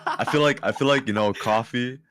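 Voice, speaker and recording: A man's voice: mid-range voice, a little fast, a crowd in the background. A man who has just woken up, chatting as a stream guest in a laid-back, slangy way. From Canada. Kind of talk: casual chat.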